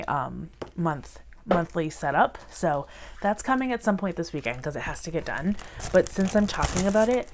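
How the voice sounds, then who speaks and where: A woman in her thirties with a stuffy head cold, chatting casually to camera about her budget, sniffling and self-deprecating. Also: deep voice. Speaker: budgeting vlogger.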